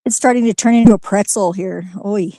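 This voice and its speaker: A woman's voice: medium pitch, a little fast, mellow, no room sound. A woman in casual reaction chat, playful and teasing.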